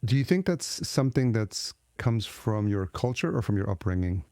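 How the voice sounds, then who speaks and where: Low, mellow-voiced podcast host. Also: male voice, sing-song, normal speed, no room sound, studio quality. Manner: searching, loosely phrased questions. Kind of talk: conversational interview questions.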